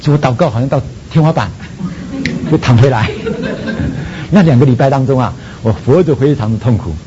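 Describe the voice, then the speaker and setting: A man with a Taiwanese Mandarin accent, a seminary president telling his own story in a sermon and acting out his prayers. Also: quick pace. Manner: animated storytelling, acts out prayers. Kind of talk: sermon testimony. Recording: dull lo-fi sound with faint rumble.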